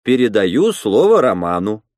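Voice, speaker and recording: A man's voice: lowish voice, sing-song, a little slow, darkish tone, dry recording, clean studio sound. A man reading a story, voicing a pleased male leader giving a speech to a crowd. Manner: speechmaking, smug. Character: male rebel leader Zyama, pleased orator.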